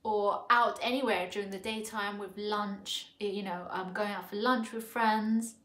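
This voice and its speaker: Sitting on a sofa at home, a Thai woman reviews a perfume casually, speaking slowly with a steady, medium-pitched and slightly bright voice. She muses as she goes, restarting and using many fillers. A camera close in front records her in an echoey room.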